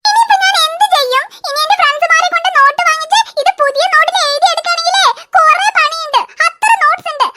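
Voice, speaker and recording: A woman's voice: very high-pitched, fast talker, hardly any pauses, very noisy. A woman voicing a tearful, whiny schoolgirl younger sister in a cartoon. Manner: whiny, sobbing pleas. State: crying. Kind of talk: cartoon voice acting.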